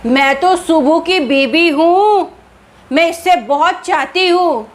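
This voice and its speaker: A woman voicing a possessive female ghost in a storytelling recording, speaking slowly and insistently. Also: very high-pitched, voice pushed up. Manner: slow, drawn-out, insistent.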